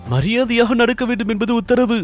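A timid, deferential young servant who gives short, hesitant replies to his master, played by a male storyteller. The voice is pushed well above a man's ordinary pitch. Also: brisk, soft background music.

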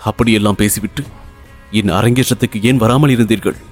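A man reading aloud voices a proud, hurt young woman dancer, speaking in quick, reproachful bursts. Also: lowish voice, soft background music, natural voice. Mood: indignant. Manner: quick, indignant, reproachful delivery.

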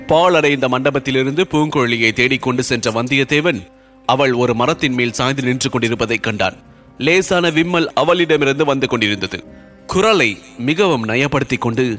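A man reading a historical novel aloud as an audiobook narrator, voicing the dialogue with lively storytelling and dropping low and soft on the speech tags.

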